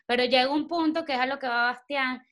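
A woman's voice: high-pitched, fairly even intonation, quick pace, a loud crowd. A woman co-hosting a casual podcast, talking bluntly, swearing freely and acting out the people she quotes. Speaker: podcast co-host.

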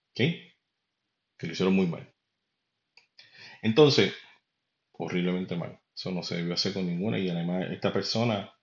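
A man from Puerto Rico with a Puerto Rican Spanish accent, hosting a podcast and giving his opinions in a rambling, conversational way that speaks straight to the listener. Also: on the low side. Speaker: podcast host. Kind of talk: casual opinion monologue. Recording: roomy, dull lo-fi recording.

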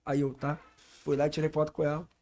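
A man's voice: on the high side, fast talker. A man, a podcast guest telling stories in casual slangy chat, acting out the people in them. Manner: animated, slangy, acts out voices in his stories. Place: podcast studio.

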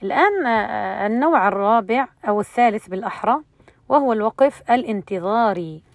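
A woman's voice: medium pitch, animated, creaky, no echo. Woman teaching recitation, dry close sound. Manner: explanatory, pausing often with fillers. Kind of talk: lesson on Quran recitation rules.

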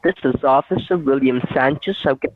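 A man's voice: mid-range voice, a little fast, soft background music. A man on a phone call, talking as a caller who poses as a government officer. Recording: tinny, narrow phone line.

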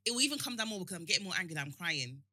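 A woman's voice: lowish voice, sing-song, very fast, pushed and bright, dry recording, studio quality. A woman co-hosting a podcast, blunt and teasing in casual chat. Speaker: podcast co-host.

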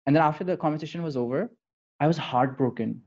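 A man with a Pakistani accent telling personal stories in a thoughtful, halting conversational way, switching between English and Urdu. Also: on the high side, a little mellow, muffled recording. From Lahore, Pakistan. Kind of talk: reflective conversational storytelling.

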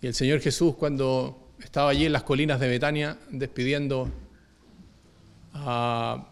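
A man preaching a sermon, moving between emphatic declarations and hushed, low repetitions of key phrases. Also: level tone, unhurried, creaky.

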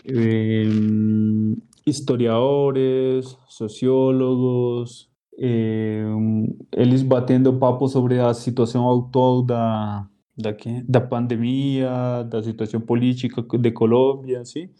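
A Spanish-speaking man with a Colombian accent, a guest in a casual podcast interview, speaking haltingly as he searches for words and slips into Spanish. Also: mid-range voice, level tone, warm tone.

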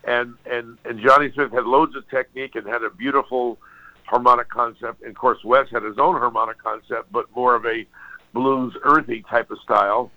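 An older man from Hawaii, a guitarist appearing as a guest, tells his story in a relaxed, rambling way, with restarts and apologies. His voice is medium in pitch at a normal speed, and the recording has a dull lo-fi sound.

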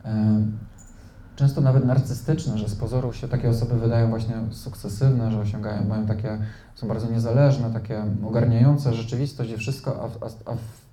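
Man, psychotherapist lecturing, very dark mellow voice, hesitant fillers, roomy echo. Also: medium pitch, flat delivery, fairly quick, a little hiss or hum. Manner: explanatory, many hesitation fillers and "nie?" tag questions. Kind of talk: live lecture to an audience. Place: room with a live audience.

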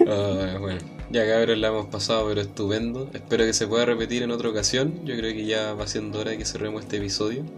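A man's voice: fairly low pitch, level tone, fast talker, hardly any pauses, over music. A man with a Chilean accent hosting a podcast, closing the episode in a joking, laid-back way. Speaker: podcast host. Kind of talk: casual chat, sign-off.

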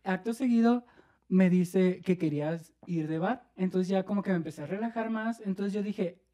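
A man with a Mexican accent telling an animated story on a podcast, laughing and acting out what people said. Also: high-pitched, moderate pace. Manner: animated, laughing, acts out quoted voices. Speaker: podcast co-host. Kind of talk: casual storytelling chat.

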